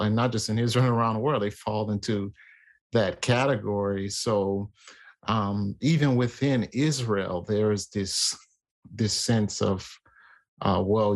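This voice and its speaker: A man in casual conversation about faith, talking in a halting way with many fillers and restarts. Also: fairly low pitch.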